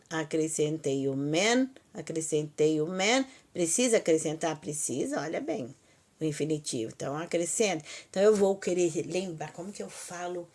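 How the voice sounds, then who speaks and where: A woman teaching a language lesson at an unhurried, deliberate pace. Her voice sits a bit low for a woman. She patiently breaks words into syllables, repeats them, and speaks straight to her students. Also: darkish tone. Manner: patient, repeats each word slowly syllable by syllable; self-correcting, talks to students directly. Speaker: Hebrew teacher.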